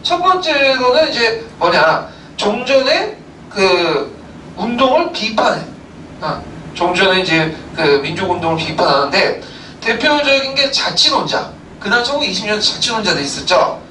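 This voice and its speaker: A man's voice: high voice, very animated, moderate pace, pushed and bright. A man teaching a history lecture, explaining with rhetorical questions and many filler sounds. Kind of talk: recorded lecture. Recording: roomy, distant mic, faint background noise.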